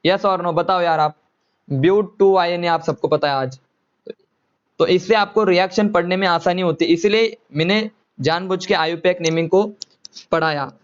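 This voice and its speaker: A man's voice: sits high, normal speed, clean tone, muffled recording. A man teaching a chemistry lecture to students, often repeating himself and coaxing them to answer. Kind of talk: classroom lecture.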